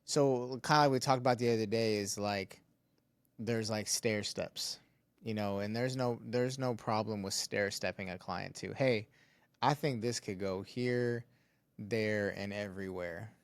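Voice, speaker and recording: A man's voice: lowish voice, measured pace, no echo. A man co-hosting a casual podcast, talking business bluntly and swearing. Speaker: podcast co-host, studio owner.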